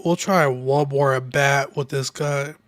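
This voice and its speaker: A man's voice: mid-range voice, steady tone, measured pace, fairly bright tone, no room sound. Tipsy young man streaming a game, dry close mic. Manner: loose, profane, rambling while playing. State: sore throat, a bit drunk. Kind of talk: casual gaming livestream chat.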